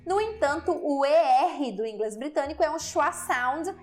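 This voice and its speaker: High-voiced chatty Brazilian woman teacher. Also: expressive, normal speed, faint music behind. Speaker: English teacher. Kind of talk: explaining to viewers.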